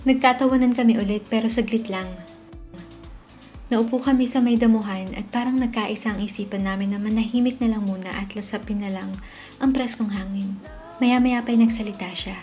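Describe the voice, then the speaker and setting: A young woman narrating her own story in first person as the dubber of a comic, expressive and lively in delivery. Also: medium pitch, fairly quick. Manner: expressive, swings into loud excited shouts. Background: faint background music.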